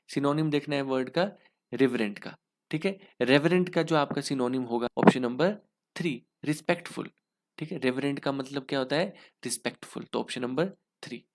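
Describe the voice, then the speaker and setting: His gravelly voice runs on the high side as the young man, who has an Indian English accent, teaches exam material in Hinglish. He goes step by step through every answer, asking questions and then resolving them himself.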